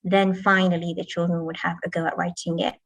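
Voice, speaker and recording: A woman's voice: lowish voice, level tone, fairly quick, no room sound, muffled recording. A woman teacher giving a talk to parents, explaining patiently and modelling classroom chants. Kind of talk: presentation to parents. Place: school, indoors.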